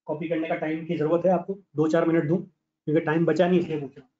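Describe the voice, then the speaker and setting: Blunt, high-voiced male teacher, echoey lo-fi. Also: flat delivery, quick pace, warm tone, a little hiss or hum. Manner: blunt, scolding, calls students by name. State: slightly hoarse voice. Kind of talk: online lecture to students. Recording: echoey, dull lo-fi online class audio.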